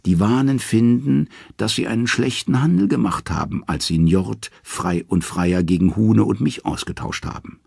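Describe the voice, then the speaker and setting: A man's voice: fairly low pitch, moderate pace, gravelly, few pauses, darkish tone, breathy edge, no echo, clean studio sound, voice pushed up. A man voicing the revived, severed head of a wise old man who tells of trouble in a grave manner.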